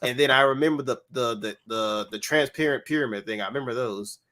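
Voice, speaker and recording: A man's voice: mid-range voice, brisk, bright, forceful tone. A man in his thirties co-hosting a gaming podcast in a casual, chuckling chat. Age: 30s. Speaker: podcast co-host.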